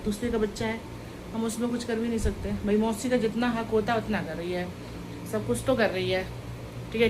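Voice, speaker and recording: A woman's voice: medium pitch, background noise. Chatty young woman vlogging at home. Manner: chatty, rambling, talks straight to camera. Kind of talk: casual home vlog. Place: indoors at home.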